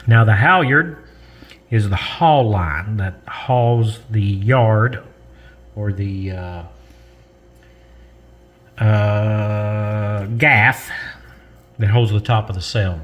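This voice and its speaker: The sound is lo-fi as a man with a lowish but fairly bright voice walks through part of a model build. Slow and rambling, he corrects himself and chuckles, with dust making him cough.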